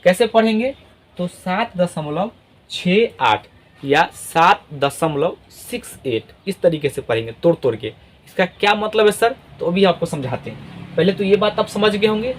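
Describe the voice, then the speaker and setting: A man teaching a math lesson, explaining step by step, reading digits out slowly one at a time, and often checking that the class is following. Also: high voice, slight background noise, poor audio.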